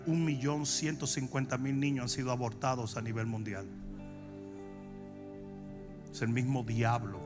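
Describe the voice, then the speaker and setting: A Dominican man preaching, telling comic stories and breaking into long shouted cries. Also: mid-range voice. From Dominican Republic. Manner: shifts from shouted, drawn-out preaching to fast, joking anecdotes. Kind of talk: comic sermon storytelling.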